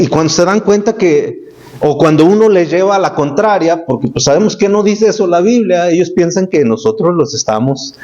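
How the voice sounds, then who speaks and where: A man's voice: fairly high pitch, dark tone. Man preaching a casual Spanish sermon, lo-fi. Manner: plain conversational preaching, rising emphasis with repetitions. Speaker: pastor. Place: church sanctuary. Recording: dull lo-fi church recording.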